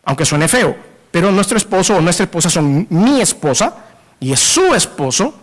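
A male pastor preaching a sermon in an animated way, acting out jealous couples in quick asides. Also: high voice.

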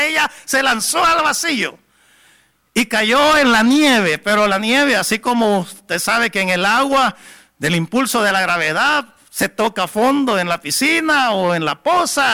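A man preaching, telling a testimony in a dramatic storyteller's way that swells to near-shouts. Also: sits high. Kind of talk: sermon testimony.

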